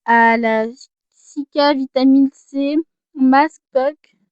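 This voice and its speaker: A woman's voice: sits high, steady tone, slow pace, no echo, highs cut off. A teenage girl chatting casually as she shows off her gifts, self-mocking and easily distracted. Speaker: vlogger. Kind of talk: casual haul vlog.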